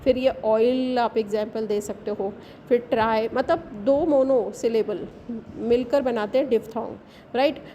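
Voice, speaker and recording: A woman's voice: a little high, fairly even intonation, a little slow, mellow, muffled recording, slight background noise. A woman teacher, explaining a bilingual lesson step by step and often checking with "right?". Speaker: English teacher.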